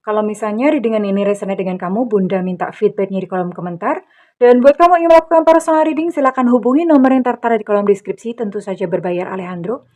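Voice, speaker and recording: A middle-aged woman with a mid-range voice does a fast-paced tarot reading for her viewers, with loud electronic music behind her. She's affectionate, calling the listener darling and referring to herself as Bunda.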